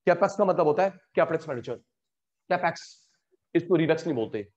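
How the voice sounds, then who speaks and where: High-voiced male economics teacher, blunt. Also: lively intonation, a little mellow. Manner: drills students with rapid call-and-response questions; blunt, teasing and scolding toward students. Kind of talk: online class lecture. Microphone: earphone in one ear, online class. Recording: dull lo-fi online class audio.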